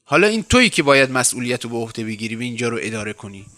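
A man reading aloud voices a stern middle-aged mother who runs a farm, speaking in a high, firm way. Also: big pitch swings, bright, forceful tone. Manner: high, firm and severe delivery.

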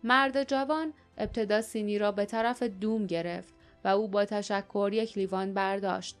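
A woman narrating an adventure audiobook in a steady, expressive storytelling manner. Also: medium pitch, faint music behind. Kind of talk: scripted narration.

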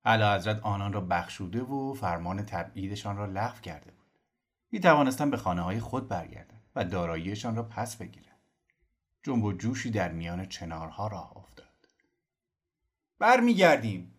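A man narrating a novel as an audiobook in an expressive storytelling manner. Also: lowish voice. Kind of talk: scripted narration.

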